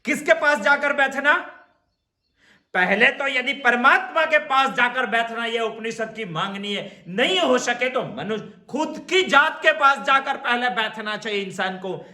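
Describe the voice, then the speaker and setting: A man gives a spiritual discourse, slow and deliberate, repeating each phrase for emphasis. His voice is bright and fairly high, rising and falling widely. The room around him rings with echo. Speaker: Upanishad teacher.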